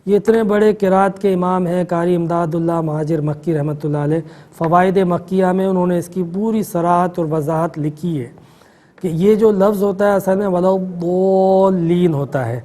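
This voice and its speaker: High-voiced man explaining religious rulings. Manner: calm explanatory lecturing. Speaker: mufti answering callers. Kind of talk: religious call-in answers.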